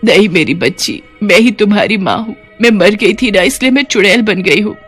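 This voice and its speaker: A woman's voice: medium pitch, expressive, fairly quick, fairly bright tone, husky, soft background music. A woman voicing a grieving mother who has become a witch ghost, pleading and motherly in a cartoon story. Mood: earnest.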